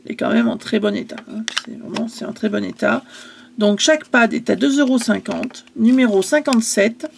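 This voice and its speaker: A woman's voice: a little high, a little fast, gravelly, a little hiss or hum. A woman casually selling her craft supplies in a vlog, chatty and hesitant, stumbling over English product names.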